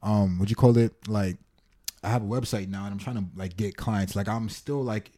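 A man's voice: fairly low pitch, steady tone, normal speed, mellow. A man hosting a podcast, chatting casually in street slang. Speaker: podcast host; photographer. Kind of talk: casual chat.

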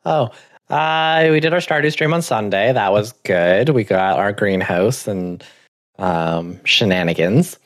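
A man co-hosting a casual gaming chat, low-key and a bit hesitant with fillers. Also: expressive, a little slow. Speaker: podcast co-host.

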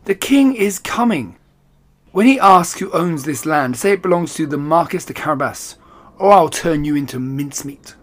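A man's voice: high-pitched, very animated, unhurried, voice pushed up, full character voice. A man putting on a sly, purring talking cat. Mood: threatening. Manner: purring, scheming, commanding. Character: cunning, bossy male talking cat.

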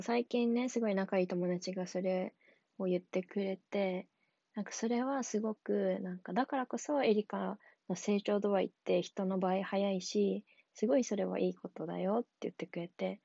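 A young adult woman talking casually on her own, relaxed and rambling, with many fillers and frequent laughs. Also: mid-range voice, creaky, husky, dry recording, muffled recording. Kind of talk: casual solo talk.

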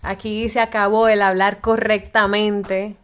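A woman with a Dominican accent chats on a radio show, laughing easily and talking with lively energy. Her pitch sits in an ordinary middle range, and soft music plays faintly underneath. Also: unhurried. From Dominican Republic. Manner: laughs often, talks animatedly. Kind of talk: casual radio chat.

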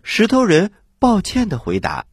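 A man hosting and narrating stories for children in an animated, husky voice. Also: high voice, measured pace, no room sound, clean studio sound. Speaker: children's storyteller, host.

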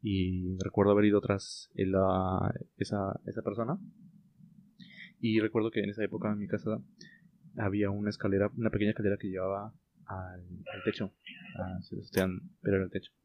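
A low-voiced man tells a story in relaxed conversation, pausing often and restarting his sentences. The recording is dull and lo-fi, as if captured on a cheap microphone. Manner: hesitant, many fillers and restarts. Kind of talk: casual chat. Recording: lo-fi muffled sound.

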